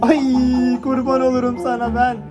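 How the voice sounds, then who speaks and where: A man hosting a reaction video, laughing, cooing and pleading at the funny clips he watches. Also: very high voice. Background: music from the clips.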